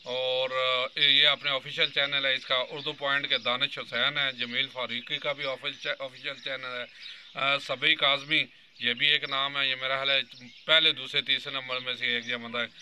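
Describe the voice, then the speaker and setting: A vlogger in his mid-fifties speaks directly to viewers in a long, earnest political commentary, explaining his points at length. His medium-pitched voice is very sharp, forceful and bright yet level in tone, at a moderate pace, with a faint hum of noise behind him.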